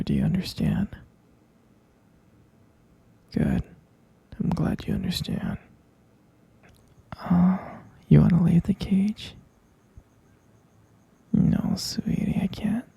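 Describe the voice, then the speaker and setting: Man doing a possessive captor boyfriend, breathy whisper, very husky, slow, coaxing and menacingly sweet. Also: sits high, very animated, warm tone, no echo, heavily acted. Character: possessive obsessive young man keeping his lover caged. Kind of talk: whispered ASMR roleplay.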